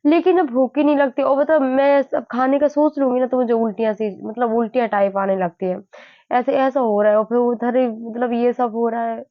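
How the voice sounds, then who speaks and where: A woman in her early twenties sharing her grief in a personal vlog. She sounds weary and low, halts often, and repeats herself. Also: steady tone, no room sound. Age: early 20s. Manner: halting, repeats herself, many fillers. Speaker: vlogger. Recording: dull lo-fi dry sound.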